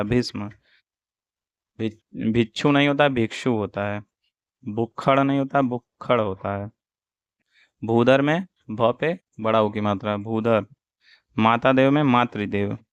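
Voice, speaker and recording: A man teaching Hindi spelling for an exam, slowly reciting wrong and correct forms one after another. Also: medium pitch, clean tone, dry recording. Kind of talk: exam-prep spelling lesson. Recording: dull, dry lo-fi audio.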